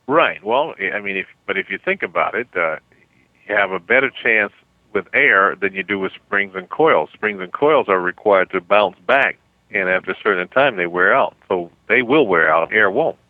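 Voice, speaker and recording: A man working as a phone sales representative, speaking politely and somewhat haltingly over a telephone line. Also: fairly low pitch, lively intonation, no room sound. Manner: polite, stammering, calls the caller ma'am. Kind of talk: customer service phone conversation. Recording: thin, dull telephone line.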